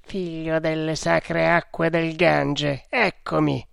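A man's voice: on the high side, little pitch movement, takes it slowly, gravelly, fairly bright tone, smooth, no echo, studio quality, voice pushed up, heavily acted. A man voicing a loyal, obedient male servant in an audiobook. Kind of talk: audiobook character reading.

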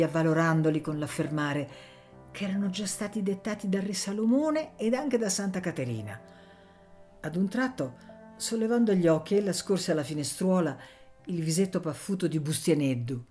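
A woman reads a literary novel aloud, narrating steadily and expressively. Her voice sits a little low for a woman. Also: lively intonation, moderate pace, darkish tone, faint music behind. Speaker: audiobook reader.

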